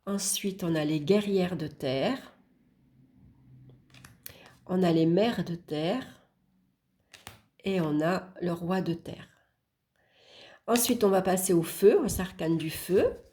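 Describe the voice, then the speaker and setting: A woman presenting a tarot deck, unhurriedly naming the cards as she flips through them with small hesitations. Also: on the low side. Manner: unhurried, murmuring card names while flipping, with small hesitations; warm, admiring remarks about the artwork. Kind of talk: casual deck walkthrough.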